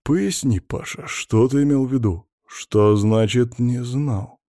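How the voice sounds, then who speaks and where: A man's voice: medium pitch, slow pace, warm tone, no room sound, studio quality. Man voicing a blunt, patronizing older boss. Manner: folksy, patronizing reassurance.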